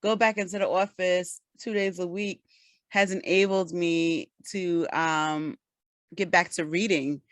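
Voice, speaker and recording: A woman's voice: fairly low pitch, steady tone, unhurried, no room sound. A woman co-hosting a casual podcast chat, patiently explaining and giving advice. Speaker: podcast co-host.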